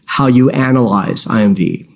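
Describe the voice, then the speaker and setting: A man's voice: medium pitch, normal speed. A man cross-examining a witness at a formal hearing, putting polite, leading questions and often restarting his phrases. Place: formal public inquiry hearing.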